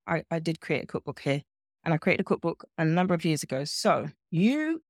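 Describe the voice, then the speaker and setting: A woman guest who works as a nutrition coach, talking in a playful, animated way and often repeating words. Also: deep voice, a little fast, dry recording, clean studio sound. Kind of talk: casual interview chat.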